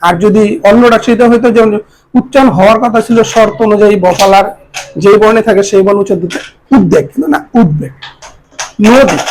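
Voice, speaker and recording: A woman teacher giving a grammar lesson to students, slowing down to sound out each word carefully. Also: mid-range voice, darkish tone, a little hiss or hum, low-quality recording.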